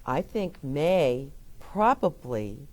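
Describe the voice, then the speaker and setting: Reading a picture book to kids, this storyteller speaks at a very slow, relaxed pace in a low but sing-song voice that rises and falls widely. Along the way, she pauses to explain words and asks the children soft, gentle questions.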